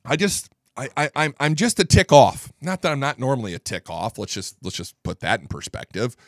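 Feeling under the weather and low on energy, this middle-aged political talk show host rambles and stumbles over restarts in his studio. His mid-range voice is strong but goes gravelly with fatigue, and his intonation stays lively at a fairly quick pace. Recorded on a studio microphone, there's no room sound at all.

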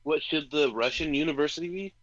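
A man's voice: a little high, brisk, a bit bright, no echo. Matter-of-fact man on a dull line. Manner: explains things matter-of-factly. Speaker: podcast guest. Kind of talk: casual chat.

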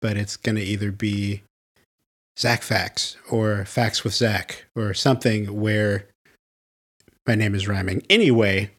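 Podcast host guy, jokey and nerdy, lowish voice. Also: fairly even intonation, a little slow, a bit bright. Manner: playful, jokey, laughs often. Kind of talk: casual podcast chat.

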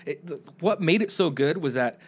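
A man's voice: on the high side, lively intonation, moderate pace, breathy edge. A young adult man co-hosting a casual podcast, rambling and repeating himself as he gives his opinions. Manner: rambling, repeats words, swears freely. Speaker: podcast co-host. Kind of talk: casual chat.

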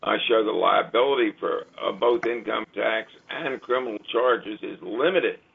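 A man's voice: lowish voice, normal speed. A man explaining his work methodically as a radio interview guest, in a legalistic way, stressing certain words. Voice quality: gravelly, husky. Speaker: guest author. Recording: tinny narrow phone-like line.

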